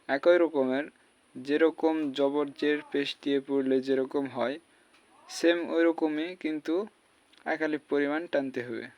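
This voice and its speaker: A man's voice: mid-range voice, darkish tone, no room sound. A man, teaching a spoken lesson and spelling out letters and vowel marks syllable by syllable. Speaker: Quran recitation teacher.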